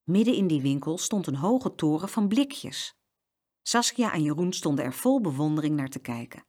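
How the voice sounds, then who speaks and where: A woman's voice: low voice, big pitch swings, normal speed, warm tone. A woman reading a children's story aloud and acting out the sound effects.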